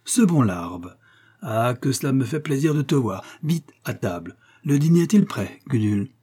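A man voicing a pompous, doddering elderly gentleman who lectures his friend with boastful, self-satisfied reasoning in a storybook reading. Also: mid-range voice, expressive, moderate pace, husky, voice pushed up.

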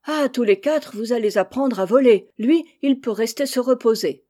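A woman voicing a calm, firm father bird settling his chicks in a storybook reading. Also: fairly high pitch, fairly quick, pitched above the performer's own voice.

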